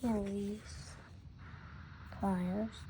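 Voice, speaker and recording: Slow, flat-voiced woman, breathing heavily. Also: medium pitch. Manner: heavy breathing between phrases; flat, halting item-by-item delivery. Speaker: fishing tackle unboxing vlogger. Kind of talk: casual hands-on unboxing narration. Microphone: phone held very close, at times in the mouth. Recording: noisy handheld phone with rustling packaging. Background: crinkling packaging, clicks and noise.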